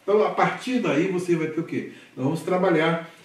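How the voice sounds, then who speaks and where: A man's voice: on the high side, brisk. A Brazilian man teaching a Hebrew literacy class, patiently drilling syllables aloud and checking in with his students. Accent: Brazilian Portuguese. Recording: echoey room recorded from a distance.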